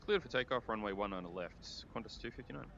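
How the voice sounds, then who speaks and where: A man's voice: on the low side, quick pace, creaky. A man making clipped airline-pilot radio calls into a cockpit headset microphone. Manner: clipped radio phrasing, relaxed between calls. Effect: pilot speaking into a cockpit headset mic. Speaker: flight simulator pilot. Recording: muffled headset mic with steady background hum.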